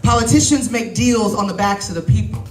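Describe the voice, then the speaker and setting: A woman's voice: mid-range voice, fairly quick, a little mellow. A woman candidate giving an emphatic, off-the-cuff rally speech, often laughing. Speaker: political candidate. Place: large indoor event hall. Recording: echoey hall with crowd and music.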